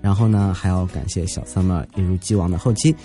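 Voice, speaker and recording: A man's voice: low voice, steady tone, a little fast, dark tone, soft background music. A man hosting a podcast, telling funny everyday stories in a chatty, jokey way and acting out the quotes. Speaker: podcast host. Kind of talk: comic storytelling podcast.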